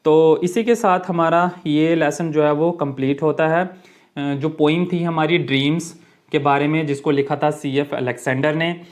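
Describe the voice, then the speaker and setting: A male teacher giving a lesson, reading English lines slowly and explaining them in with fillers. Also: a little high, fairly even intonation. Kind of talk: online classroom lesson.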